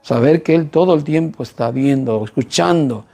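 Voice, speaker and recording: A man's voice: on the high side, normal speed, creaky, mellow, faint music behind. A man preaching a sermon in an earnest way, often putting rhetorical questions to his listeners.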